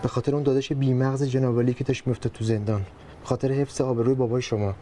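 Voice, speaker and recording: A man's voice: mid-range voice, little pitch movement, warm tone, soft background music, lightly acted. An actor playing a bitter, sarcastic young husband who argues with his in-laws in a TV drama. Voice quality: sarcastic, argumentative. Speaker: son-in-law living with in-laws. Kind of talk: TV drama acting.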